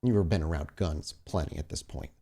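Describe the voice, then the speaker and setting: A low-voiced man serves as game master for a tabletop roleplaying game, talking to his player directly and conversationally. His voice is gravelly and mellow at normal speed, and he blends improvised, descriptive scene-setting with casual table talk.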